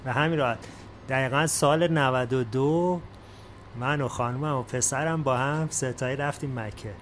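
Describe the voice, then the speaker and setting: A man at a workshop telling a story from his own life in a plain, unhurried way. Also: mid-range voice, a bit bright, a little hiss or hum. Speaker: workshop participant. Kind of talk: personal anecdote.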